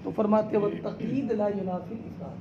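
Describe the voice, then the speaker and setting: A man teaching a class, explaining slowly term by term, asking his students question after question and calling them "beta". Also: high voice, dull audio, noisy background. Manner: quizzes students with repeated questions; addresses listeners as "beta". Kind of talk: classroom lecture.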